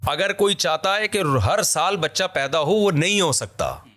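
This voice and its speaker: Slightly high-voiced and a bit slow, a male vlogger from Pakistan carries a casual conversation. He's an energetic, emphatic storyteller who laughs a lot.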